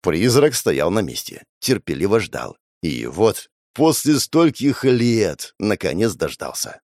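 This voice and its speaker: A man's voice: lowish voice, takes it slowly, no echo. A man narrating a first-person audiobook in a sardonic, crude manner, recorded on a close mic. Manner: sardonic and crude, wildly expressive.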